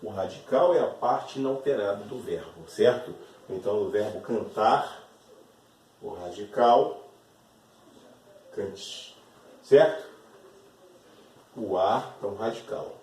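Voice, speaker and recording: Um professor brasileiro dando uma aula de gramática, fala devagar, repete palavras e pergunta "certo?" a todo momento. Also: male voice, lowish voice, animated, a little mellow, slight background noise. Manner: slow, repeats words, often checks with "certo?". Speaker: teacher. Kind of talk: classroom lesson explaining grammar. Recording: echoey room, voice from a distance.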